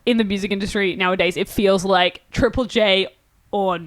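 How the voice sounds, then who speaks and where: A woman's voice: mid-range voice, fairly even intonation, moderate pace, dry recording. Young aussie woman in a band chatting, rambly, lots of likes, dry close sound. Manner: rambling, laughs often, many fillers. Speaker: band member. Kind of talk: casual chat.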